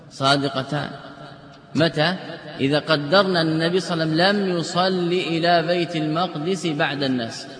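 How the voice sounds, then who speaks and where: A man's voice: a little high, a bit bright. A man teaching a classroom lecture on logic, explaining step by step with example sentences and rhetorical questions. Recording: echoey hall with long reverb.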